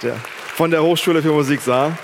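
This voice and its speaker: At a live concert, the male host keeps things lively, introducing acts, urging the crowd to clap, and chatting with a student on stage. He speaks briskly in a slightly high voice over a noisy background.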